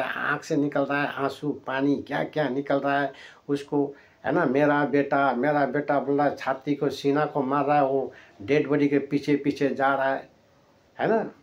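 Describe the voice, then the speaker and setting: A man delivers a sermon in a storytelling way, leaning on repetition and steady tag questions to hold his listeners. His voice sits at an ordinary, mid-range pitch for a man. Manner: vivid retelling with constant "है ना" tag questions; repetitive, emphatic phrasing. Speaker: preacher.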